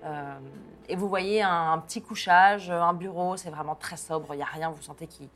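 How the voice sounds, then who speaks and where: Woman gm describing scenes, lowish voice, lots of euh, soft music behind. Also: steady tone, moderate pace. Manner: descriptive, many fillers and restarts, laughs often. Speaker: game master. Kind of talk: narrating a tabletop game.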